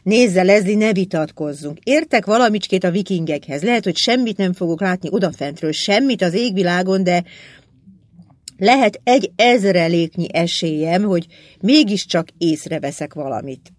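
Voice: mid-range voice, lively intonation, no echo, natural voice. A reader voicing a stubborn, determined young woman archaeologist who speaks curtly in an audiobook. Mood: insistent. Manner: curt and commanding. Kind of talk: audiobook character voice.

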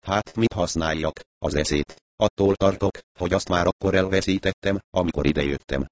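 A rough, blustering man with a short fuse and a foul mouth, as a male narrator puts him on. The voice sits low, and the recording is dry and close. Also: no echo, lightly acted. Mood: furious. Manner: blustering, swearing. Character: rough hot-tempered man, crude and furious.

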